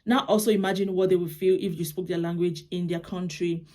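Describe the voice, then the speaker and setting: In a fairly quick, level voice that sits on the low side and sounds dark, a young Nigerian vlogger gives relaxed advice. A native Yoruba speaker with a Nigerian accent, she is talkative and keeps restarting phrases.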